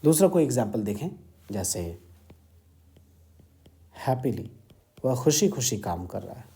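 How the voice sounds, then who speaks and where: Indian male grammar teacher, mellow tone, steady explaining lecture. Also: mid-range voice. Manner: explains word meanings slowly, switching between Hindi and English.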